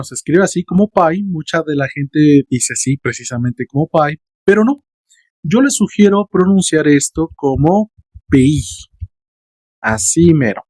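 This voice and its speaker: A man's voice: a little high, darkish tone, no room sound. A man teaching a French lesson online, addressing his students playfully.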